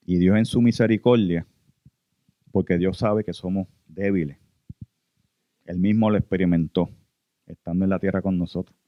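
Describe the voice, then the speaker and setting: A man's voice: low-pitched, no room sound, dull audio. A man with a Puerto Rican accent preaching an earnest sermon testimony, often addressing listeners as brothers. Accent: Puerto Rican Spanish. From Puerto Rico.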